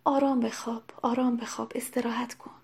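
A woman voicing an anxious, caring young noblewoman who speaks in a hushed, urgent way. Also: high voice, fairly even intonation, breathy edge.

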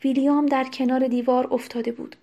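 A woman narrating a novel as an audiobook, reading in a steady, measured way. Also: high voice, gravelly.

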